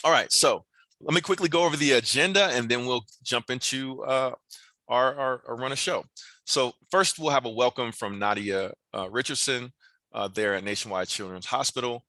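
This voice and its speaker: A man's voice: medium pitch, moderate pace, sharp tone, dry recording. An American man hosting an online event with a semi-scripted introduction, courteous, organized and businesslike. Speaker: host, moderator of a recruitment event.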